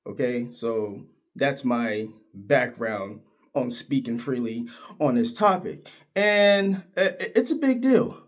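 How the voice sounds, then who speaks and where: Middle-aged man from Ohio, sports commentator, fairly high voice, talks in animated bursts. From Northeast Ohio. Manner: animated, opinionated, pitch jumps high when worked up. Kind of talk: casual sports commentary vlog.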